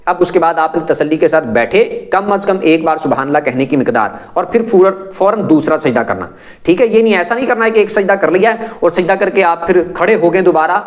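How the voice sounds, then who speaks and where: A man giving a methodical religious lesson, explaining step by step and often checking in with his listeners. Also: fairly high pitch. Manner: methodical, repeats points with frequent check-ins. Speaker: religious teacher.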